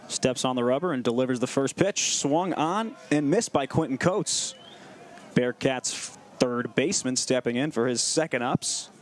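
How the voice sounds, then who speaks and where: A man doing live baseball commentary and play-by-play from an outdoor ballpark. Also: medium pitch.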